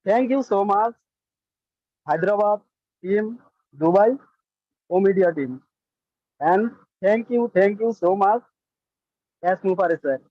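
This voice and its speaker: Halting high-voiced man on a call. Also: expressive, dry recording. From Bangladesh. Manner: speaks in short broken phrases. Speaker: webinar caller. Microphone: video call. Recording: dull lo-fi dry call audio.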